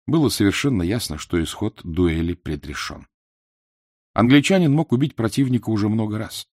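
A man reading a literary novel aloud as an audiobook narrator, in a measured, dramatic storytelling manner. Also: fairly low pitch, darkish tone, dry recording, clean studio sound.

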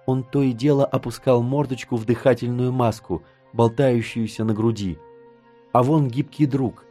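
A man narrating an audiobook in the first person, in a measured storytelling way. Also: mid-range voice, warm tone.

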